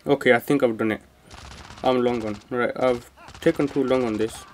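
With a steady, mid-range voice at normal speed, a man mutters reactions and casual slang while hosting a let's play. The mic is set back from him, and there's a slight hiss or hum.

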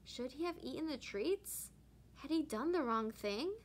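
A woman teacher reading a children's picture book aloud with expressive narration. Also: sits high, unhurried, slight background noise. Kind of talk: storybook read-aloud.

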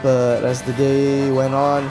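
A gaming YouTuber with a hoarse voice, rambling through casual gameplay commentary in a nearly empty room and laughing after almost every line. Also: medium pitch, level tone, slow, over music. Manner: laughs constantly as a habit; rambling, chatty rants. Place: mostly empty room as makeshift studio.

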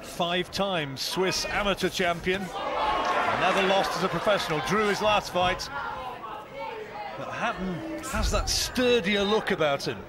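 A man giving measured play-by-play boxing commentary from ringside. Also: sits high. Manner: measured play-by-play with fight facts. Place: ringside at an indoor boxing arena. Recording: loud arena crowd and noise behind.

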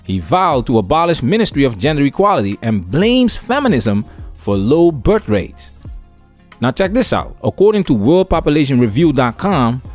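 High-pitched male commentator, lively delivery. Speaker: host of a commentary channel. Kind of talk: opinion news commentary.

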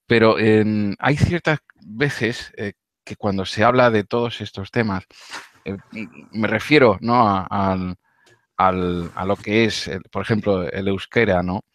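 A man's voice: on the low side, steady tone, measured pace, fairly bright tone, no room sound. A man interviewing a guest on a live stream, talking hesitantly with many fillers and repeated words.

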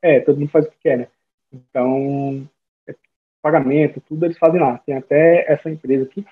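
Over a video call with slides, a young Brazilian guest speaker talks informally, full of fillers and false starts, from a small room at home. His voice sits on the high side with a breathy edge, fairly even intonation, and a brisk pace. Captured by a webcam or laptop mic, it has a narrow, phone-like quality.

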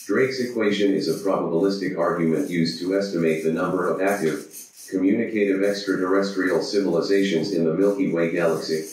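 A man's voice: low voice, steady tone, a little fast, a little mellow, lightly acted. A man voicing a boastful, pompous robot chatbot that adds beep-boop noises, in a very echoey room, far from the mic. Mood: smug.

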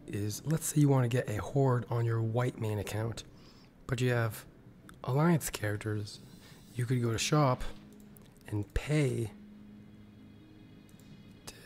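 A man hosts casual gaming commentary with a sore throat. His voice is mid-pitched and very muted in tone, hoarse and strained, at times slipping into a whisper as if nearly gone. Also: dark tone. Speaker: gaming video host. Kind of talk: casual gaming news commentary over screen capture.

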